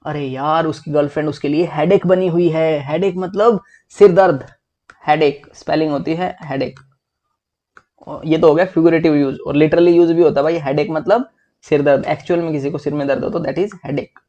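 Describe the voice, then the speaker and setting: A young man teaching English vocabulary for exams in a lively, chatty way, often calling his listeners "bhai". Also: fairly high pitch, normal speed, dull audio. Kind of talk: exam-prep vocabulary lesson.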